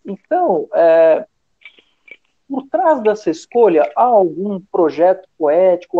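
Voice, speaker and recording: A man interviewing a poet, reading out prepared questions in a measured, careful way. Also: sits high, dull audio.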